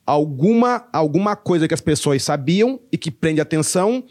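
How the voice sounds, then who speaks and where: Brazilian male comic guest, profane animated storyteller, casual podcast chat. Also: fairly high pitch, normal speed. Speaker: stand-up comedian guest.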